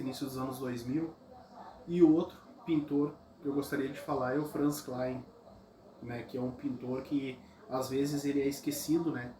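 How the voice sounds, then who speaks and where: A man's voice: medium pitch, darkish tone. A man giving a casual, rambling, enthusiastic talk. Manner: rambling, enthusiastic, tags phrases with "né". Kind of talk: casual spoken talk about favorite artists. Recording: echoey room with crowd noise behind. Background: crowd chatter.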